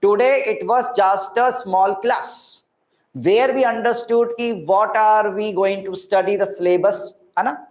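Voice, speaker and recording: A man's voice: high-pitched, steady tone, a little slow. A man with an Indian accent teaching an interactive online physics class, repeating phrases, mixing Hindi words into English and often checking that students follow. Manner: repeats phrases, asks frequent checking questions. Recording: echoey room sound.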